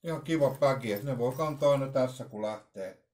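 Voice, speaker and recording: A middle-aged man does an unscripted unboxing vlog indoors in a small home room, speaking casually with hesitation, rambling and repeating himself. He has a mid-range, darkish voice, captured in a roomy, echoey home recording.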